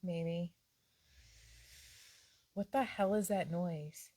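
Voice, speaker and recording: Brief: woman co-host, relaxed teasing chat, slightly low pitch, dry room. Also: very slow, no room sound. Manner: chatty, teasing, rambling. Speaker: podcast co-host. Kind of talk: casual couple banter. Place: at home on a Sunday.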